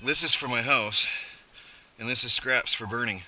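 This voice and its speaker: This is rough-sounding footage from a head-mounted action camera as a man works outside, chatting and rambling through his chores like the homesteading vlogger he is. He speaks at medium pitch with a sharp edge, keeping a moderate pace in casual first-person narration.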